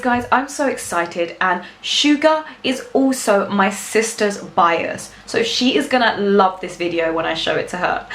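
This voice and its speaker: A woman's voice: mid-range voice, a bit bright, roomy sound. A woman vlogger chatting casually as she reacts to a video, bubbly and gushing, laughing often.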